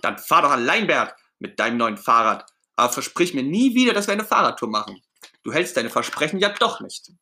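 A man's voice: medium pitch, big pitch swings, fairly quick, pushed and bright, pitched above the performer's own voice, heavily acted. A man voicing Ernie, a cheerful, eager male puppet friend, in a storybook read-aloud. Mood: indignant.

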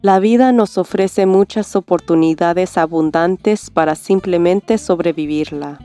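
Mellow, calm woman guiding mindfulness over music. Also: lowish voice. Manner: calm, soothing, measured delivery. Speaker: host of a mindfulness series. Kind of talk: scripted self-help narration and guided meditation.

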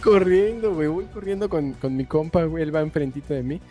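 A man's voice: on the high side, fairly quick, loud music behind the voice. Slangy Mexican guy telling a story. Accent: Mexican Spanish. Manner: slangy, animated, says "güey" constantly. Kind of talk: casual storytelling.

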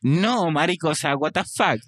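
A man's voice: on the high side, lively intonation, moderate pace, a bit bright, no echo, studio quality. A young Venezuelan man co-hosting a casual podcast, blunt and incredulous, with heavy slang and swearing. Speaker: podcast co-host. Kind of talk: casual chat.

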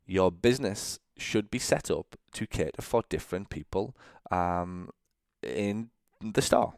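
Brief: young adult male podcast host, very low voice, chatty solo monologue, dry close sound. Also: lively intonation, unhurried, creaky, a little mellow, dry recording. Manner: conversational, checks in with "okay?", frequent fillers and restarts.

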